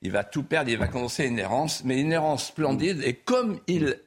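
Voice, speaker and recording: A man's voice: mid-range voice, animated, normal speed. An older man, a guest author on a talk show, speaking hesitantly and repeating words as he tells a story.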